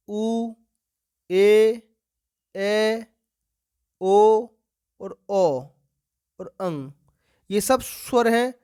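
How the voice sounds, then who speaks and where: A woman's voice: mid-range voice, clean tone. Woman teacher quizzing students aloud. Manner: asks the class questions and answers them herself; repeats key words slowly for emphasis. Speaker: English grammar teacher. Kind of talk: exam-prep grammar lesson for students.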